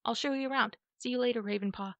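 A woman's voice: fairly high pitch, fast, a bit bright, no room sound. A woman voicing a friendly, chatty young male apprentice cat in a storybook reading.

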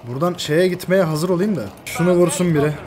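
A man commentating his own shooter gameplay, excitable, swearing and shouting at his teammates. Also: high voice, fast talker, a crowd in the background. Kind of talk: live gaming commentary.

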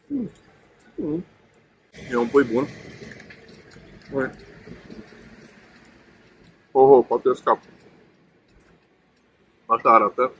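A Romanian food vlogger in his thirties, mid-range voiced with long pauses and dull audio, casually reviews food at an outdoor table beside a main road. He eats while chatting in a relaxed way, full of fillers. The camera sits on the table in front of him, and faint road noise, passing traffic and outdoor ambience fill the background.

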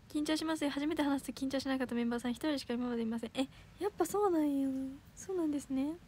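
A teenage girl with a Kansai accent, hosting a casual livestream, chatty and giggly, reading comments aloud and correcting herself quickly. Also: high-pitched, a little mellow, a little hiss or hum. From Osaka, Japan. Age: teens. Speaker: idol livestream host.

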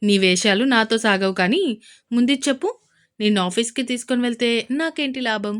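A woman's voice: fairly high pitch, brisk, close to an everyday voice. A woman voicing a playful young husband in a romance audio story, teasing and mock-scolding his wife.

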